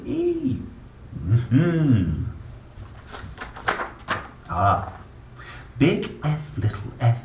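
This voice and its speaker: A young man with a warm tone presents an animated read-aloud of a children's alphabet book, his playful sing-song voice swinging very widely in pitch. He reads slowly to small children as if chatting right to them. The sound is roomy, from a slightly distant mic, with faint background noise.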